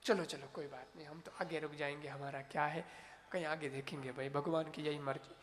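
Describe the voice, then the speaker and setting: A man voicing a calm, kindly male saint who speaks patiently and coaxingly. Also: fairly high pitch, brisk, voice pushed down, close to an everyday voice. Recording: reverberant hall, faint noise.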